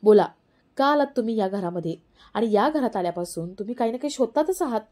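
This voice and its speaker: A woman narrating gives voice to a determined young wife in a retold family drama. She presses again and again with pleading questions. The tone stays mellow and unhurried. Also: a little high, lively intonation. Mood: insistent.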